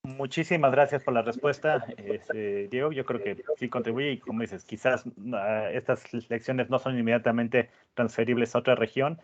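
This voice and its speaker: A man moderating a webinar in a polite, semi-formal way, hesitating often with filled pauses. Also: mid-range voice, fairly even intonation, a little hiss or hum. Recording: dull lo-fi online audio.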